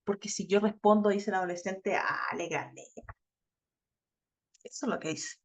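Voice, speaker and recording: A woman's voice: mid-range voice, flat delivery, fast talker, a little mellow. A woman with a Chilean accent teaching an online class, chatty and talking straight to her students. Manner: chatty, addresses students directly, acts out quoted teens. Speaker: course instructor. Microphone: video call. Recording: lo-fi muffled video-call audio.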